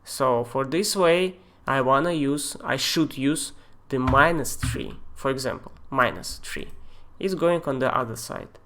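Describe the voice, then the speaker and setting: On a live-streamed screen tutorial, a Russian-accented software tutor walks viewers through a program, his pitch sitting in an ordinary middle range. He's expressive but halting, leaning on fillers and loose non-native grammar.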